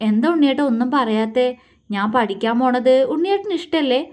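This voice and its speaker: A woman voicing an affectionate, playful young wife who coaxes and teases gently. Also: high voice, animated, fairly quick. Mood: coaxing. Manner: coaxing, sweet and teasing.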